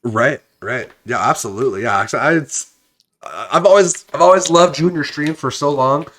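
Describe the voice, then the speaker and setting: A man's voice: medium pitch, a little fast, a bit bright. A man hosting a podcast over a video call, asking long rambling questions full of fillers. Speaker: podcast host. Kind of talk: casual podcast interview.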